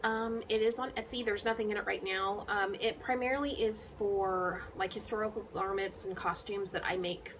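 A woman's voice: mid-range voice, steady tone, moderate pace, hardly any pauses, a little hiss or hum, rough recording. A woman hosting a casual knitting vlog, chatting to her viewers with lots of ums and restarts. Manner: rambling, many ums and restarts. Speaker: knitting vlogger. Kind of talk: casual chat to camera.

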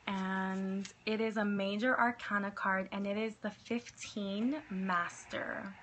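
Slow-paced young woman guiding meditation. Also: mid-range voice, steady tone, a bit bright. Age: young adult. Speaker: meditation guide. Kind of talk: guided meditation. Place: small indoor room at home. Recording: clear background noise.

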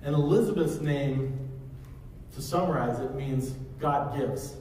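A man's voice: medium pitch, measured pace, a little mellow, slight background noise. A man in his thirties preaching a conversational sermon, recorded from across a large church sanctuary. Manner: conversational preaching, walks the stage gesturing. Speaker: pastor. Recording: echoey hall from far off.

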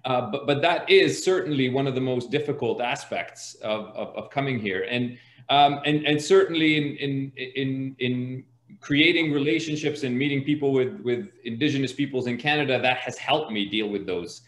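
A man's voice: mid-range voice, moderate pace, a bit bright. A man from Palestine speaking hesitantly, with many fillers and restarts, as a panelist in an online discussion from home. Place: home, video call. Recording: roomy video call audio.

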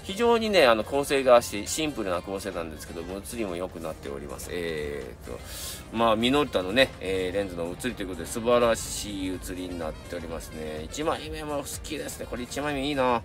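Fast-talking middle-aged Kansai man. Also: on the low side, sing-song, soft background music. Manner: chatty, rambling, many fillers and asides. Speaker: camera channel host. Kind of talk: casual review and reading viewer submissions.

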